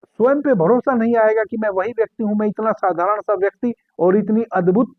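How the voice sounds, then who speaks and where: A man with a fairly high voice leads a guided meditation in a calm, unhurried way, repeating key phrases. The recording sounds thin and phone-like, dry and close. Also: no room sound. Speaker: spiritual meditation teacher.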